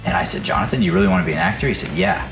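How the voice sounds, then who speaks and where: Over music, a man with a low, creaky voice and a steady tone talks at a racing pace. He's a podcast host and acting teacher, offering motivational storytelling in casual, earnest, emphatic conversation.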